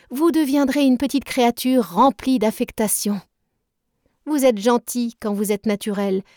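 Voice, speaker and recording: A sensible eldest sister who lectures her siblings in an earnest, measured way, as a woman reads her in a storybook. The tone is mellow and dark, recorded close and dry. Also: on the high side, no room sound, lightly acted. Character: eldest sister, teenage girl, scolding and sensible.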